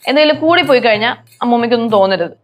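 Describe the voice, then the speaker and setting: An actress playing a firm, blunt young wife in a TV sitcom. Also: female voice, a little high, animated, rapid-fire, close to an everyday voice. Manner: firm, matter-of-fact. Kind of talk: TV sitcom acting.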